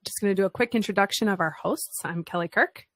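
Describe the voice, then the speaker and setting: Chatting casually as a podcast co-host in a studio, this woman talks fast in a mid-range voice, giggling a lot and often abandoning sentences only to start them over. There is no room sound in the recording.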